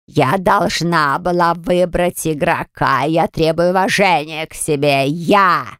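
A woman voicing a demanding young woman with a low, hoarse voice. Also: takes it slowly, a bit bright, no echo, studio quality. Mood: indignant.

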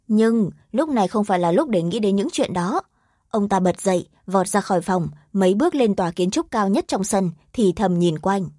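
A woman narrating a fantasy audiobook in a steady, even storytelling manner. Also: mid-range voice, no echo, clean studio sound.

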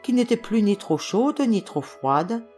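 A woman reading a fairy tale aloud as an audiobook, expressive storytelling. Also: medium pitch, a little slow, soft background music. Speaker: audiobook reader.

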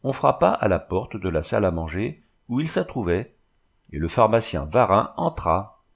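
A man narrating a novel chapter in a steady, even reading. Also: lowish voice, normal speed, creaky. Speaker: audiobook reader.

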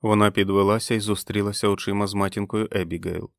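Man, audiobook narration, low pitch, dry studio sound, measured and expressive. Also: creaky, no room sound. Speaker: audiobook reader. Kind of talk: scripted narration.

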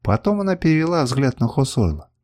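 A man reading a novel aloud as an audiobook narrator, expressive and dramatic. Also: mid-range voice, fairly quick, no room sound. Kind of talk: scripted narration.

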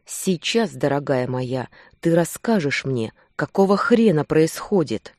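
Reader doing a possessive male werewolf, commanding, mellow tone, dry sound. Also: medium pitch, animated, measured pace, no room sound. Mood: demanding. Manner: pressing, commanding. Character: possessive male werewolf, hot-tempered and guilt-ridden.

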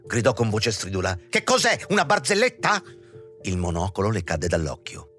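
Male audiobook narrator, deep-ish voice, animated and theatrical reading. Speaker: audiobook reader.

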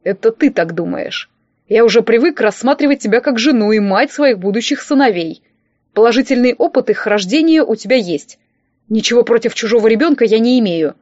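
A woman doing a gruff, bossy older tycoon. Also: a little high, a little mellow, dry recording, highs cut off. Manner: gruff, commanding, mocking. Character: blunt bossy older rich man.

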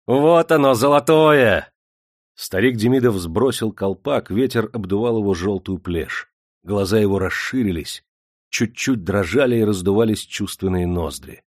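A man narrating an audiobook in a steady, measured storytelling manner. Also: fairly low pitch, no echo, studio quality.

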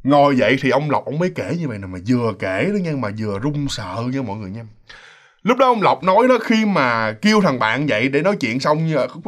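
A man's voice: sits high, a bit bright. A man telling a ghost story in a chatty, casual way, speaking straight to his listeners. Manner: chatty, addresses listeners directly, many fillers.

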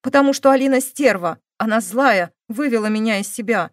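A woman's voice: on the high side, a little fast, no room sound, clean studio sound, close to an everyday voice. A woman voicing a sullen, defiant young woman who answers questioning with curt, stubborn denials.

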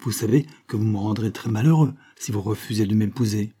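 A man's voice: on the low side, brisk, mellow, breathy edge. A man reading aloud, voicing an earnest young man pleading with the woman he loves in a storybook reading.

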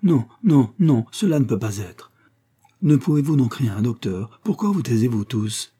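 A man's voice: mid-range voice, big pitch swings, unhurried, dark tone, slightly rough. A man voicing a desperate young mother, pleading. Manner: pleading, insistent.

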